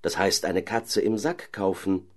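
A man voicing a young, excitable caliph who has been turned into a stork. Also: low voice, measured pace. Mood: weary. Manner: excited, pleading.

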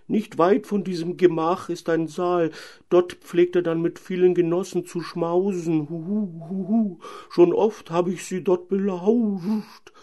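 A man voicing a lonely, sad enchanted owl princess who hoots between her slow, mournful phrases. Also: sits high, steady tone, dark tone, voice pushed up. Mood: pleading.

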